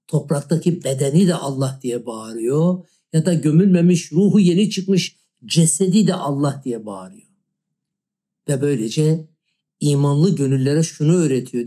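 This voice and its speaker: A man giving a reflective, sermon-style talk, reciting and explaining poetry in a measured way. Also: medium pitch, mellow. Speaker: religious lecturer.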